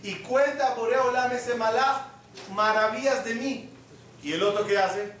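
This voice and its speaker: Male rabbi, sermon, high voice, quizzes the congregation, far off in a reverberant hall. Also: steady tone, unhurried, fairly bright tone, slight background noise. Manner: asks the audience questions and acts out little scenes. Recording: echoey hall, mic from afar.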